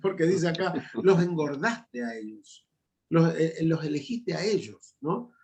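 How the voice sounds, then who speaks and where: Man, Argentine Spanish accent, fifties, Bible class pastor, fairly high voice, lively preaching with chatty asides. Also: a little slow. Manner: animated, emphatic, chatty asides. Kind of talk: informal sermon-style lecture with personal stories.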